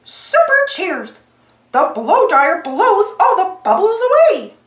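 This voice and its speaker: A woman doing high, chirpy cartoon Mickey Mouse. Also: sing-song, slow pace, roomy sound, full character voice. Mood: excited. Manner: eager, exclamatory. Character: cheerful heroic little male cartoon mouse telling his adventure.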